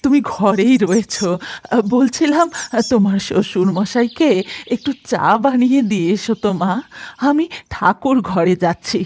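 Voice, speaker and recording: A woman's voice: fairly high pitch, animated, moderate pace, darkish tone. A woman voicing a fussy, fretful middle-aged mother-in-law in a cartoon.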